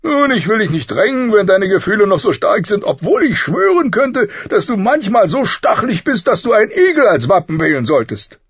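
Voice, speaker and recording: Roaring jovial king, high and husky, dull lo-fi sound. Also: very animated, moderate pace, hardly any pauses, dry recording, heavily acted. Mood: teasing. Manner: bellowing, hearty, laughing. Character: boisterous bawdy middle-aged king, loud and jovial. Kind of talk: audiobook character voice.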